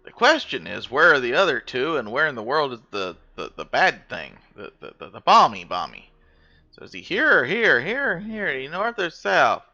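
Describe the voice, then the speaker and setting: A man's voice: fairly high pitch, very animated, moderate pace, few pauses, sharp tone. A man hosting a gaming video, teasing his brother with playful, sing-song commentary as they play. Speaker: gaming channel host. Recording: slightly dull audio with faint music.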